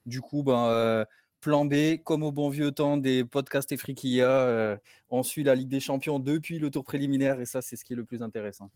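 Relaxed chatty man on a show. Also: medium pitch, normal speed, no echo. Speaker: regular columnist. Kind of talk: casual football talk.

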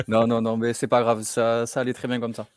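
A man, a regular columnist on a casual football show, talking in a relaxed, chatty way. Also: medium pitch, normal speed, no echo, studio quality.

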